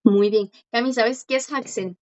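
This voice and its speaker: A woman teaching a language class online, patiently explaining and slowly repeating words for her students. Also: a little high, steady tone, a little mellow, dull audio.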